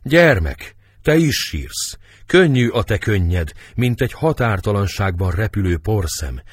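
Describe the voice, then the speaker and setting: A man voicing a grief-stricken middle-aged nobleman, declaiming slowly and with passion in a husky voice. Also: fairly low pitch, sing-song, no echo, studio quality. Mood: anguished. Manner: impassioned, declamatory, slow and heavy.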